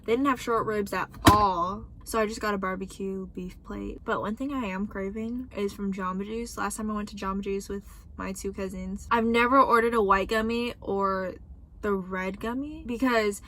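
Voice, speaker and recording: A woman's voice: medium pitch, steady tone, moderate pace, fairly bright tone, echoey room. A young woman vlogger telling childhood stories in a chatty, laid-back way while she eats. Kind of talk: casual storytelling while eating.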